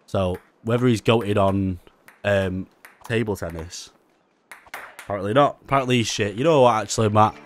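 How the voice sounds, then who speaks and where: A young man giving casual gameplay commentary, excitable and swearing often, with frustrated outbursts. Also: fairly low pitch, moderate pace, a little hiss or hum. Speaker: gaming YouTuber.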